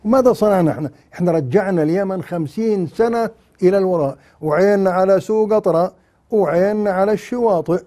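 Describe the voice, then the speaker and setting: Mocking older man, dark voice. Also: high-pitched, fast. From Jordan. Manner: mocking, animated, mimics others in sing-song asides. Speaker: TV commentator, former university lecturer. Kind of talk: satirical political commentary.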